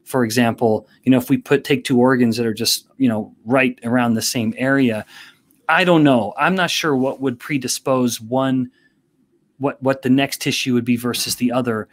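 Guy on a podcast explaining stuff slowly and carefully, middle pitch. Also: steady tone. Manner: measured, explanatory. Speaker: guest expert. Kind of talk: podcast interview.

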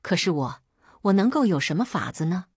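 A woman doing a meek abused young wife, mournful and resigned, husky voice, dry close sound. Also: fairly low pitch, big pitch swings, brisk, no room sound, heavily acted.

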